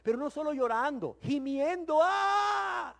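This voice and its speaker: High-voiced emphatic preacher. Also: male voice, expressive, normal speed. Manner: emphatic, rhetorical questions, swings from loud to hushed. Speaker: Bible teacher. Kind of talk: sermon-style Bible teaching.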